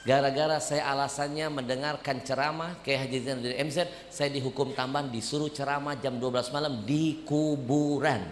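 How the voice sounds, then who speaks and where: A male preacher telling a story in a sermon, in an animated, comic way. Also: medium pitch, fairly quick, hardly any pauses, a little hiss or hum. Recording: echoey hall, faint ambience.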